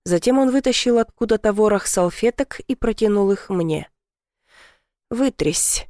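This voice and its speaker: A woman's voice: medium pitch, moderate pace, dark tone, no echo, clean studio sound. Woman reading intimate first-person narration. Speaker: audiobook narrator.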